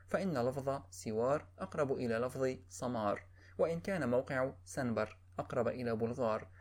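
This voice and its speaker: A man giving a steady, measured formal reading of a classical history book. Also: medium pitch.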